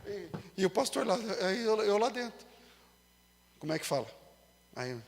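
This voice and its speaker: A man preaching a sermon with a Brazilian Portuguese accent. He moves between loud emphasis and quiet asides and acts out quoted voices with humor. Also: high voice, big pitch swings, moderate pace, vocal fry, big-room sound, slight background noise. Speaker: pastor.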